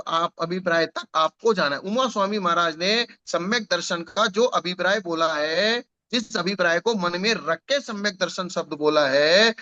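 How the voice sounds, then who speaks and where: A man's voice: sits high, bright, forceful tone, highs cut off. A man teaching a scripture class, explaining patiently with examples and repetition.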